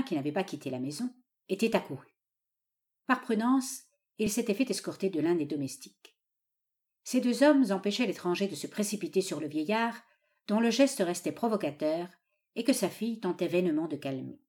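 Woman narrating a novel evenly. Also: medium pitch. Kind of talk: audiobook narration.

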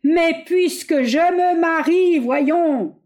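A woman's voice: fairly high pitch, big pitch swings, moderate pace, pitched above the performer's own voice. A woman doing a flustered, pleading young suitor. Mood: indignant shouting. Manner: shouting, pleading.

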